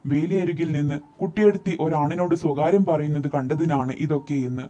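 Mellow-voiced man reading a story. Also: on the high side, fairly quick. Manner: expressive, dramatic storytelling. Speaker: narrator. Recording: dull lo-fi recording, faint music behind.

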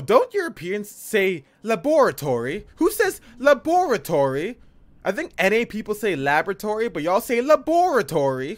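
A man streaming a live playthrough, chatting excitedly with plenty of slang and swearing. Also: high-pitched. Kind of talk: live gameplay commentary.

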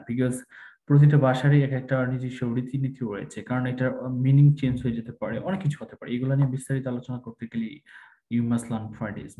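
A man's voice: mid-range voice, mellow, roomy sound, rough recording. A man teaching English pronunciation online, repeating each word aloud and mixing English into his explanations.

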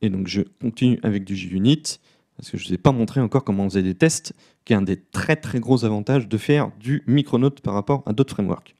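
A man giving a live coding talk at a conference, relaxed and self-deprecating, with many fillers. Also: on the low side, brisk, vocal fry. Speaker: conference speaker. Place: conference room.

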